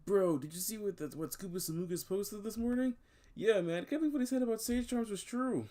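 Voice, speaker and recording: A man voicing young gossiping townsfolk who chatter excitedly in slang, full of "like" and "dude". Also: high-pitched, fairly quick, voice pushed up, close to an everyday voice. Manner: slangy, rambling, lots of "like" and "dude".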